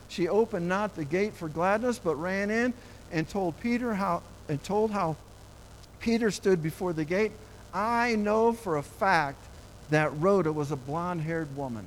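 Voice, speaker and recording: A fairly high-pitched man preaching, reading scripture verse by verse with folksy asides. He gets animated and excitable and acts out the people in the story. A faint hum of noise sits behind him. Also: poor audio. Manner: folksy, informal delivery with restarts and asides.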